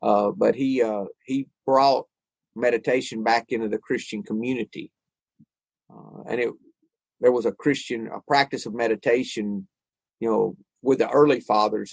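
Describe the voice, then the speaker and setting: A podcast co-host with a gravelly, mid-range voice muses about recovery and spirituality in a relaxed conversation. He thinks out loud, often restarting his sentences. The audio is poor, though it carries no echo.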